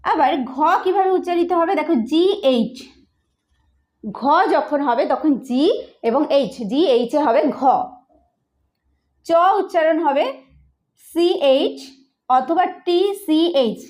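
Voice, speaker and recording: Bengali-accented female teacher, high voice, slow repetitive explaining, online lesson. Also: animated, a little mellow. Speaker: English pronunciation teacher.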